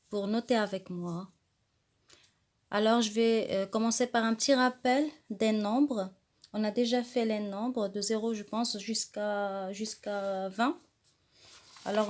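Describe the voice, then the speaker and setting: A woman teaching a beginners' class, slow and patient, having pupils repeat words after her. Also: medium pitch, darkish tone. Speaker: French teacher. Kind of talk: classroom lesson.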